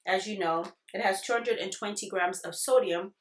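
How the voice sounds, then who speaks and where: A woman's voice: medium pitch, normal speed. A woman giving a casual product review, chatting directly to her viewers in an informal way. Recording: echoey, roomy sound.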